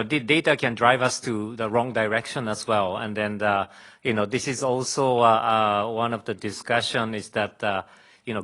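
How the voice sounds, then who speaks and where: Low-voiced male panel moderator. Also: fairly bright tone.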